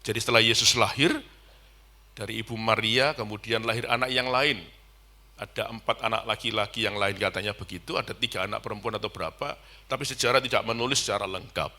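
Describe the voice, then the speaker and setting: A man's voice: fairly low pitch, steady tone, fairly quick, pushed and bright. A middle-aged male pastor, preaching a sermon at a church service, telling stories and rising to emphatic peaks. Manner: storytelling, acting out dialogue, rising to emphatic peaks.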